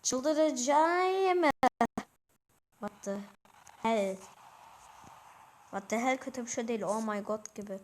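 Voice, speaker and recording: A teenage girl hosting her own channel, giving casual commentary over a football video game, shouting excitedly at goals and misses. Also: on the high side, slow, pauses often, slight background noise. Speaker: gaming channel host.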